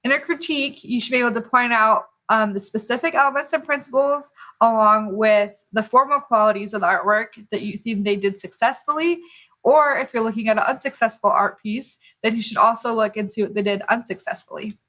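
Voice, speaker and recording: A woman's voice: fairly high pitch, a little fast, sharp tone, low-quality recording. A woman giving an instructional lesson like a teacher, posing questions to the listener and checking in with small tags as she explains. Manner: rhetorical questions, checking in with "okay". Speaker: art teacher.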